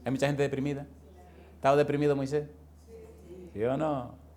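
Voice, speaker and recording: A man's voice: medium pitch, level tone, moderate pace, darkish tone. A man preaching a sermon, firing rhetorical questions at the congregation and calling listeners pet names. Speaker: pastor.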